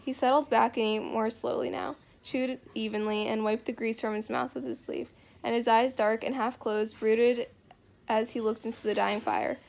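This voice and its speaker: A woman reading a novel aloud in steady, unhurried narration. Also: on the high side, gravelly. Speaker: reader.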